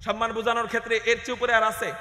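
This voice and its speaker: A male preacher delivering an impassioned sermon to a crowd at an open field gathering, rising to shouts and chanting verses. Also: very high voice, completely flat delivery, rapid-fire, echoey room, big-room sound.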